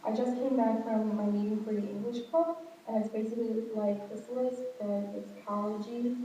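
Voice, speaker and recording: A young college woman rambles on casually to her friends, filling her talk with ums and likes, in a mellow, soft tone. Her voice booms around a big echoing dorm hallway, heard from some distance off. The sound is dull and lo-fi, with a faint hum underneath. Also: moderate pace. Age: young adult. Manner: chatty and rambling, many fillers. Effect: heavy echo from a big hall. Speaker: college student vlogger. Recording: booming hall echo, far from the mic, dull.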